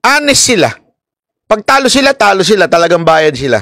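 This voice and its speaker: High-voiced animated Filipino commentator. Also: male voice, fairly quick, no room sound, clean studio sound. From Philippines. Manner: chatty, animated, laughs often, talks straight to viewers. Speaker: political commentary vlogger. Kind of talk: casual commentary.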